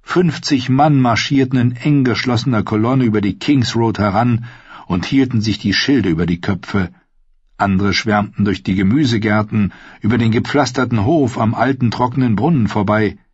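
A man reading a story aloud as an audiobook narrator, in a steady, even storytelling manner with a husky voice. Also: on the low side, normal speed, no echo, muffled recording.

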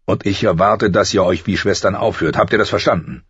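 A man voicing a stern, weary noble father in an audiobook, measured and grave. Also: very deep voice, breathy edge, no echo, exaggerated voice. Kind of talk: audiobook character voice. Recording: slightly muffled dry recording.

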